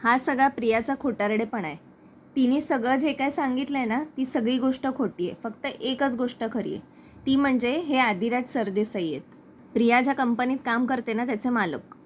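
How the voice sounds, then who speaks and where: A woman's voice: a little high, moderate pace, slight background noise, natural voice. A woman reading an accusing young sister-in-law. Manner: plain reading of quoted lines.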